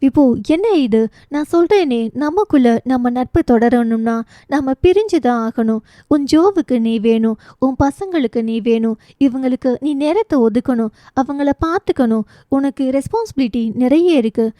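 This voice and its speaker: A woman's voice: high-pitched, expressive, normal speed, warm tone, no echo, clean studio sound. A woman reading a resolute young woman. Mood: earnest. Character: young woman, teasing, resolute loyal friend.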